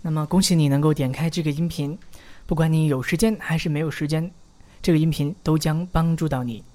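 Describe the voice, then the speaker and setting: An encouraging male English teacher with a warm, steady voice on the high side runs a pronunciation drill. He models phrases slowly, pauses so the listener can repeat, and praises the learner often.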